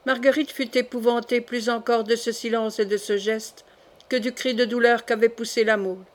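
A woman narrating a classic novel as an audiobook, in an even, measured storytelling voice. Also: fairly high pitch.

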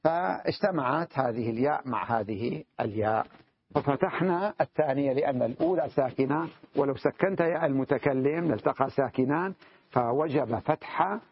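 A man teaching an Arabic grammar lesson in a classroom style, repeating key phrases slowly and often checking that his students follow. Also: medium pitch, husky, no room sound. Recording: dull lo-fi dry recording.

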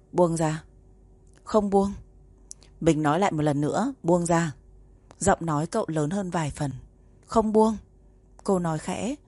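A woman narrating a romance novel in a calm, even storytelling voice. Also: fairly low pitch, husky, no room sound. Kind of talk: audiobook narration.

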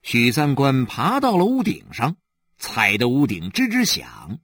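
A man narrating a novel aloud in an animated storytelling manner. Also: medium pitch, a little slow, husky. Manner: animated storytelling, many voices. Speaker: audiobook narrator. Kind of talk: expressive literary narration.

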